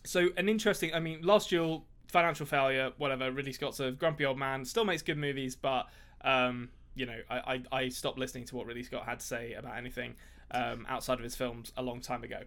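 A man's voice: medium pitch, steady tone, a little fast, a bit bright. A man co-hosting a podcast, chatting casually about movies in a rambling way with lots of fillers and dry jokes. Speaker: podcast co-host.

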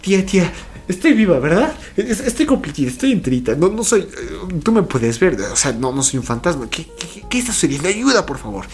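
A man voicing a flustered teenage girl who stammers and rushes her questions. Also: high-pitched, sing-song, voice pushed up. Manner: stammering, breathless rush of questions.

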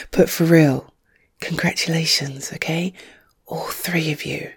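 A woman speaking in soft, hushed whispers, gently reassuring as she plays a visiting friend in an ASMR roleplay. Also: low voice, fairly even intonation, slow pace, creaky, husky. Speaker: ASMR creator.

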